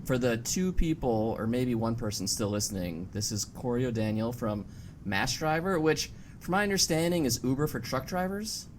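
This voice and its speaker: A man hosting a podcast in a relaxed chat, joking and teasing his guest. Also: moderate pace. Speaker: podcast host. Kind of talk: casual chat. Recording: clear background rumble.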